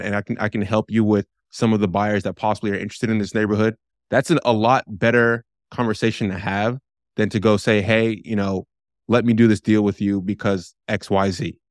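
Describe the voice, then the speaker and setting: A man's voice: on the low side, smooth, no echo, studio quality. A man co-hosting a podcast interview, talking in a loose, rambling way with many restarts. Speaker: podcast co-host.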